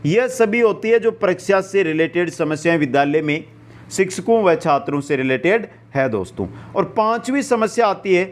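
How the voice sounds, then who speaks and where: A man's voice: high-pitched, expressive, normal speed. A male teacher with a Rajasthani Hindi accent, giving an exam-prep lecture point by point and asking the class rhetorical questions.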